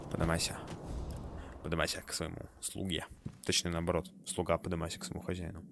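A man's voice: low voice, completely flat delivery, quick pace, vocal fry, background noise. A man casually commenting on a video game as he plays it, joking, swearing now and then, and reading the on-screen text aloud. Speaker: gamer playing a video game. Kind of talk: casual let's-play commentary. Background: game music.

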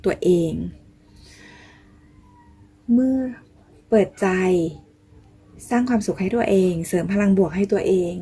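A woman hosting a casual tarot reading for her viewers, chatty and coaxing, calling herself grandma and sometimes dropping to a soft near-whisper. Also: medium pitch, measured pace, pauses often, slightly rough. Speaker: tarot reader and channel host.

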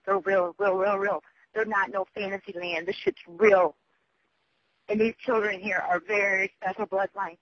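A woman's voice: medium pitch, normal speed, dry recording. A woman leaving a rambling, urgent voicemail message, losing her train of thought and swearing. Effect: voicemail message over a phone line. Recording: muffled lo-fi phone voicemail.

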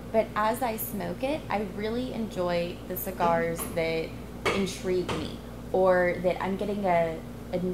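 Young woman, low-pitched, thoughtful cigar talk. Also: background noise. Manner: thoughtful, descriptive, a few restarts. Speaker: cigar reviewer. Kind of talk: casual cigar review chat. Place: cigar lounge, indoors, leather chairs.

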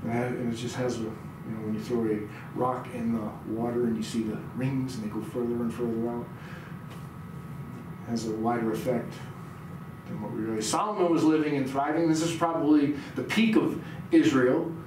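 A middle-aged pastor gives a sermon in a small church room, reading scripture aloud and quizzing his listeners. His mid-range voice is steady and moderately paced. He sits far from the mic, and the very echoey room adds plenty of noise.

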